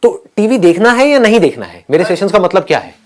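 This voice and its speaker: A man leading a live motivational session for students, animated and playful, often asking the audience questions. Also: sits high, fast talker, a crowd in the background. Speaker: motivational speaker.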